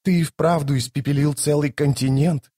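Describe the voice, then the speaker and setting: A man voicing a quiet, troubled elder goddess in an audiobook, speaking in a hushed, pleading way. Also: on the high side, steady tone, moderate pace, dry recording, clean studio sound, lightly acted. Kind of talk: audiobook character voice.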